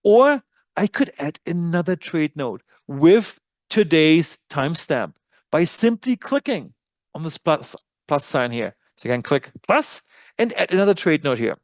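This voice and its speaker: A man's voice: on the high side, very animated, a little slow, dry recording. A man with a German accent presenting a trading dashboard in a webinar, walking through features in a casual, self-correcting way. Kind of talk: software tutorial walkthrough.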